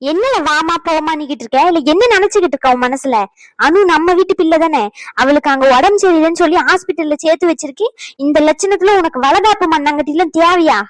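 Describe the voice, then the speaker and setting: A woman voicing a bitter, accusing mother-in-law in an animated family drama, scolding in sharp bursts. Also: extremely high pitch, quick pace, no echo, rough recording. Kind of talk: cartoon family-drama voice acting.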